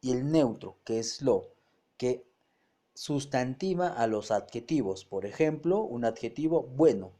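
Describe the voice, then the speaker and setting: A man's voice: mid-range voice, animated, a little slow, dark tone. A male teacher, giving a grammar lesson step by step, often restarting words and checking that students follow.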